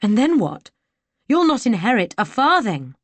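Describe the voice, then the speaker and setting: A woman's voice: fairly high pitch, very animated, normal speed, no echo, voice pushed up. Woman voicing a defiant young lady. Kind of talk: audiobook character voice.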